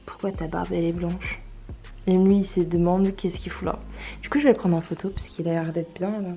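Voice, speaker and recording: A woman's voice: lowish voice, fairly even intonation, brisk, dark tone, soft background music. Bubbly young vlogger woman. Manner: bubbly, playful, mixes in English slang. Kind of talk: casual vlog chat.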